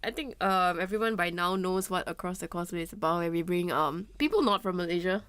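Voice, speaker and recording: A young woman co-hosting a student radio show, playful and quick to tease. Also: on the low side, fairly bright tone, smooth, no echo. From Singapore. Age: young adult. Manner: playful and laughing. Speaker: radio co-host. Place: campus radio studio.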